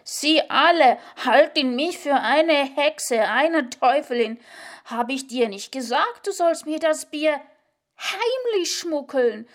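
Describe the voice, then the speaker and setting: A woman voicing a wailing 97-year-old nun. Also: animated. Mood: distraught wailing. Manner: high, slow, wailing lament.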